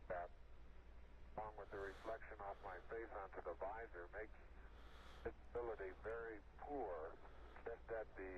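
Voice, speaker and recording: A man giving a halting technical report as an astronaut over a crackly military-style radio. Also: on the low side. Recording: muffled, crackly 1960s space radio.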